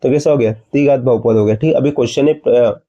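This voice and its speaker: Mellow-voiced man teaching maths. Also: medium pitch, fast talker, dull audio. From India. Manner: explains step by step, asks the student questions and answers them. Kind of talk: classroom maths lesson.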